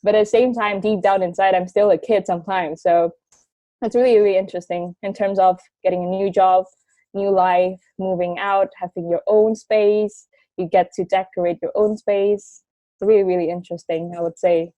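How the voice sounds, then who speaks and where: A 21-year-old marketing graduate, born in Taiwan and raised in Indonesia, tells her story as a guest in a chatty interview, leaning heavily on filler words. Her mid-range voice is steady and mellow, her pace moderate, and the recording has no echo.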